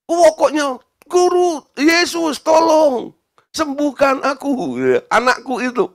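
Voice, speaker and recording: A man preaching a sermon, voicing a desperate mother who cries out loudly for help. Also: slow, full character voice. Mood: insistent pleading. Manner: shrill, pleading, shouting.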